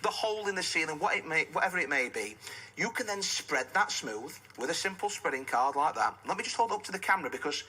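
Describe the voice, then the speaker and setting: A man presenting a live home shopping demonstration, explaining step by step with emphatic, instructional selling and a husky voice. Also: fairly high pitch, lively intonation, fast, sharp tone.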